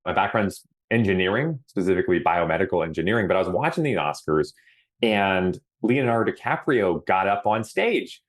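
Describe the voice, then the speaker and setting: A man's voice: deep voice, animated. A middle-aged man from Hawaii, a podcast guest telling his story in an earnest, reflective way. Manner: earnest and reflective, often slows down to stress words. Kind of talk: casual interview answers.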